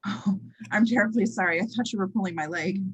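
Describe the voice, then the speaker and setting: A woman reading a dry, sardonic schoolteacher with a husky voice in an amateur sitcom table read. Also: medium pitch, fairly quick, crowd noise, natural voice. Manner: dry, deadpan.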